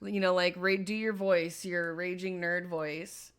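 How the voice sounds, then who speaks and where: A woman's voice: lowish voice, steady tone, unhurried, clear, resonant tone. A woman hosting a podcast, chatting casually in a teasing, talkative way and swearing freely. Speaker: podcast host. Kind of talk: casual chat.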